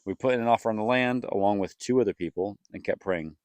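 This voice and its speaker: A man's voice: on the low side, quick pace, no echo. A young man reading a scripted vlog voice-over as an earnest storyteller. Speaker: family vlogger, co-host.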